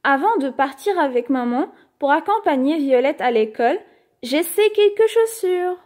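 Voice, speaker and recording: A woman reading a children's picture book aloud in an expressive, animated bedtime-story manner. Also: sits high, normal speed.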